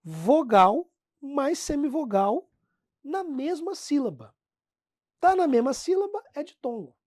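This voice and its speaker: A Brazilian woman teaching a grammar lesson, talking straight to her class and drawing out example words slowly. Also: high-pitched, no room sound, clean studio sound. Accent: Brazilian Portuguese. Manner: lively, talks to the class as "pessoal", drags out example words slowly. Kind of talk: classroom lesson explaining phonetics.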